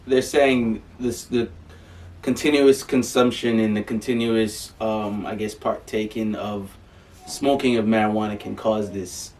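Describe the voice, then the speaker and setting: A man co-hosting a podcast in casual chat, laid-back and joking, often trailing off quietly at the end of a thought. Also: fairly low pitch, steady tone, measured pace, far from the mic. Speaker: podcast co-host.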